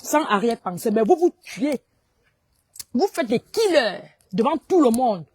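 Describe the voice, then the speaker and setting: A woman's voice: on the high side, sing-song, unhurried, a little mellow, slightly rough, no echo. A woman with a Cameroonian French accent, delivering a heated, confrontational livestream rant and slipping into Pidgin English. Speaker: online commentator.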